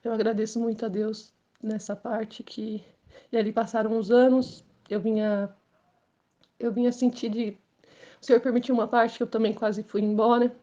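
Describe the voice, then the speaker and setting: A woman's voice: flat delivery, moderate pace, dark tone, dull audio. A woman, giving an earnest, emotional personal testimony at church. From São Paulo state, Brazil. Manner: earnest, emotional, rising in pitch and force as story intensifies.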